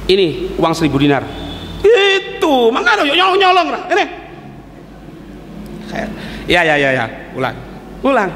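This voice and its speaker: A man giving an Islamic sermon in a mosque, telling stories in an animated way. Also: sits high, a little hiss or hum. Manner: animated storytelling, mixing in Javanese phrases. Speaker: preacher. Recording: long hall reverb.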